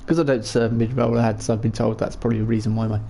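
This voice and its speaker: A man with a croaky voice hosts a gaming livestream in a chatty, rambling, self-deprecating way. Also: medium pitch, little pitch movement, fast, dark tone, slight background noise. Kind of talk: casual livestream game commentary.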